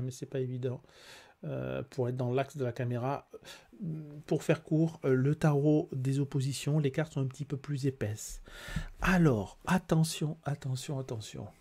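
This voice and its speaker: Hesitant, husky-voiced French man. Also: medium pitch, mellow. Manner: hesitant, many fillers and restarts, explains patiently. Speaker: tarot reader and life coach. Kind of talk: casual product review.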